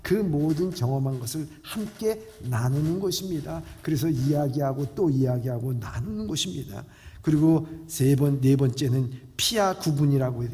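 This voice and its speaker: A male pastor preaching a sermon in a church. He is emphatic and swings from loud lines to soft ones. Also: on the high side, expressive, normal speed, hardly any pauses. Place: church sanctuary. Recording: reverberant church hall.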